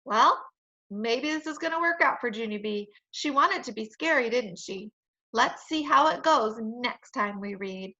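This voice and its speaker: A woman reading a children's chapter book aloud in a playful, expressive storytelling manner. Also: a little high, a little slow, muffled recording.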